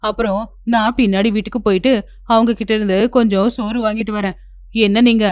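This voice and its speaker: A woman voicing a harsh, stingy mother-in-law in a cartoon story, with a sharp, bossy, scolding manner. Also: medium pitch, steady tone, fast talker, no echo, clean studio sound, close to an everyday voice. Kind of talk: cartoon voice acting.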